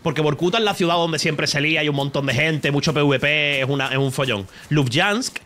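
A man's voice: fairly high pitch, brisk, bright, forceful tone. A man from Spain with an Andalusian accent, streaming a game while rambling, swearing and joking with his chat. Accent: Andalusian Spanish. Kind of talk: gaming livestream commentary. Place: home streaming setup.

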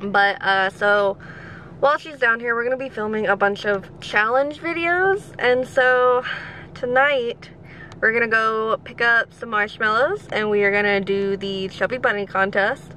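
A woman's voice: fairly high pitch, a little slow, bright, forceful tone. A young adult woman hosting a casual vlog chat. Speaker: host. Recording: echoey, noisy home recording.

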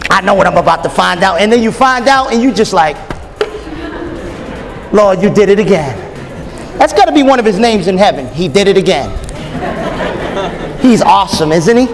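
Faint music sits behind this high-voiced preacher, a man in his thirties speaking at a moderate pace and pausing often. In a large hotel ballroom he gives a lively, joking sermon to a live audience, calling out for answers, with long reverb and a faint crowd.

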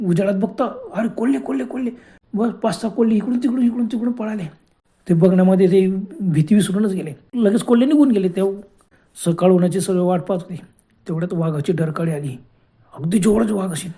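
A man's voice: sits high, fairly quick, mellow. A man narrating a horror story in a dramatic way, often exclaiming in fright.

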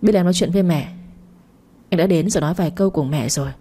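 A woman's voice: on the low side, rapid-fire, husky. A woman voicing a cocky, persistent young man. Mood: coaxing. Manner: calm, self-assured, gently persistent. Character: confident, teasing young man courting his ex.

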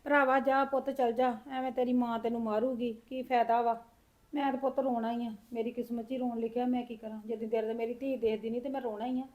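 A woman's voice: a little high, steady tone, brisk, darkish tone, close to an everyday voice. A woman acting a lonely, grieving old grandmother who sighs, laments and talks to herself in a village drama. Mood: tearful, resigned. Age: older. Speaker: grandmother in a short film.

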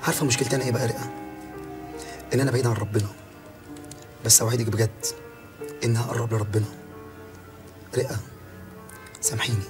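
Actor doing remorseful Egyptian husband, earnest pleading, brisk, music behind. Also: male voice, mid-range voice, steady tone, close to an everyday voice. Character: repentant husband begging forgiveness. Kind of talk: comedic film acting.

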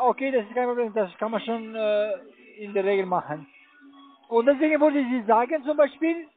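On a thin, tinny phone line, a telephone investment salesman with a very high voice and a foreign accent stumbles through a sales call in halting phrases. He isn't a native speaker, and German is not his first language.

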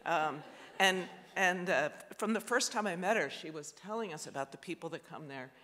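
Presenting slides on a panel, an architect speaks hesitantly with many fillers and restarts. His voice is fairly high, bright and gravelly, echoing with a long reverb in what sounds like a big auditorium.

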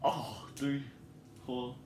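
A man's voice: medium pitch, very slow, darkish tone. A young man bantering casually and playfully in slang, with some swearing. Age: young adult. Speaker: challenge participant. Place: small bedroom, indoors. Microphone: camera a few feet away. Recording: echoey room with background noise.

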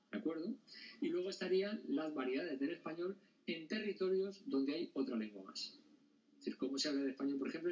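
A male teacher explains a lesson to his class and keeps checking whether the students follow. He is heard across the classroom, and the sound is dull and lo-fi. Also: mid-range voice. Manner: explanatory, often checks understanding with questions. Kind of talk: classroom lecture. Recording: dull sound, mic at a distance.

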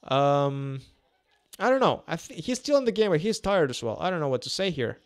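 Casting: male fight commentator, twenties, slightly high voice, native Russian with a Russian accent, casual and repetitive, close podcast mic. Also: very animated, brisk. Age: 20s. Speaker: boxing commentator. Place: small indoor room. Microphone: close podcast microphone on a boom arm.

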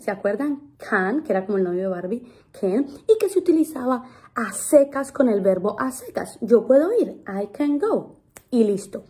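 A young woman hosting a casual English lesson video, chatty and playful, slowing down to model English sounds. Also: a little high, dark tone. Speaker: English teacher and channel host.

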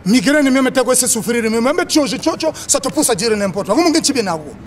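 A man's voice: very high-pitched, lively intonation, a little fast, over music. A man, bragging and mocking in street banter about clothes. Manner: boastful, mocking. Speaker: sapeur.

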